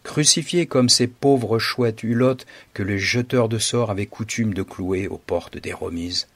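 Husky low-voiced male storyteller. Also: a bit bright, no echo. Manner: dramatic, measured reading. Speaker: narrator. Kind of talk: scripted story narration.

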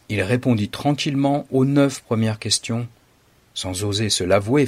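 A man reading a story aloud in a dramatic, measured narration. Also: mid-range voice, breathy edge, no room sound.

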